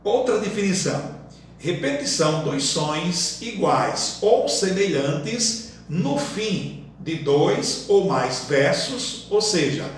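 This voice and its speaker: A man giving a slow lesson, listing example words one by one and explaining each. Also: sits high, very animated. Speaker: workshop teacher. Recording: echoey room from far off, faint noise.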